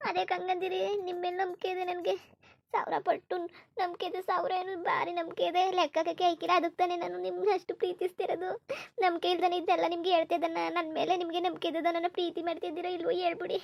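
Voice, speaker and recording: A woman's voice: extremely high pitch, flat delivery, fast, gravelly. A woman voicing a young village woman in a cartoon, anxious and pleading, with a rural Kannada accent. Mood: earnest. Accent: rural Karnataka Kannada. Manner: pleading, worried, speaks of family fears. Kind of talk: cartoon voice acting.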